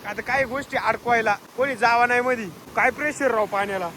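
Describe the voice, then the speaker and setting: An extremely high-pitched, sharp-toned man's voice comes a little fast, with a touch of hiss or hum. The vlogger chats informally to viewers outdoors around a farm and village, filming everything on a handheld phone.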